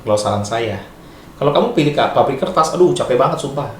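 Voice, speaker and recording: A middle-aged man from Indonesia giving casual advice as a vlogger, chatty and lively, slipping in Japanese and English words and laughing often. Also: medium pitch, fast. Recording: echoey room, faint background noise.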